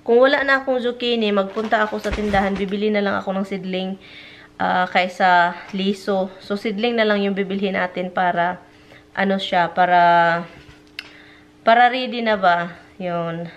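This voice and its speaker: A woman's voice: fairly even intonation, moderate pace, a little hiss or hum, low-quality recording. A woman casually vlogging from her home, mixing Tagalog and English as she chats about her garden and cooking. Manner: mixes Tagalog and English, chatty, talks to her dogs in a high sing-song baby voice. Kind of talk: casual home vlog chat.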